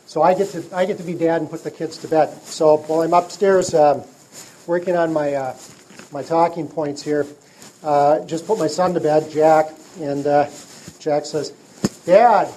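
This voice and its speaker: A middle-aged man giving a speech to a trade group, telling stories in a halting way with many fillers and restarts. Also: fairly high pitch, fairly even intonation, mellow, slight background noise, rough recording. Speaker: speaker addressing a trade group. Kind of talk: public speech with storytelling.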